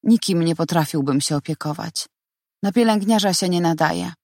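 A man's voice: fairly high pitch, normal speed, vocal fry, no room sound, studio quality. Woman reading as a cold, detached young man. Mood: icy. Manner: flat, icy and firm. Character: cold, detached young male fiancé, a lecturer. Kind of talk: audiobook character reading.

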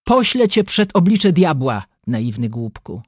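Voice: mid-range voice, sing-song, unhurried, no echo, studio quality. A narrator voicing a bound, injured man silently vowing revenge on his captor. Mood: vengeful. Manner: hissing threats.

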